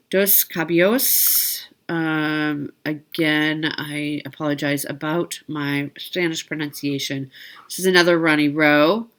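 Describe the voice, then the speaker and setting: A woman's voice: sits low, sharp tone. A woman casually presenting products as a video host, chatty and informal, often correcting herself and adding asides. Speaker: host of a needlework shopping video. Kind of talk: casual product showcase narration.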